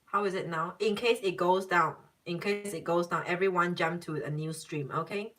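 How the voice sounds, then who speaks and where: A woman gives a casual live-stream psychic reading, chatty and emphatic, circling back to repeat her points and breaking into laughter. Her mid-low voice comes across a little distant from the microphone. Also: steady tone, moderate pace, fairly bright tone. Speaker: tarot and psychic reader answering live viewers.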